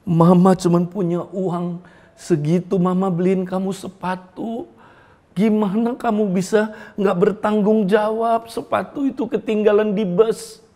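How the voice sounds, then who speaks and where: A man's voice: high voice, flat delivery, measured pace, mellow, voice pushed up. A man voicing a poor single mother who scolds her child while upset, within a sermon story. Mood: distraught scolding.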